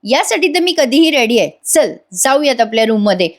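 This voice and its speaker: A woman's voice: on the high side, big pitch swings, a little fast. A woman reading as a playful young husband. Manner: bossy and playful. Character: young male lawyer, teasing husband. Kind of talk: recap voice-over reading of a soap scene.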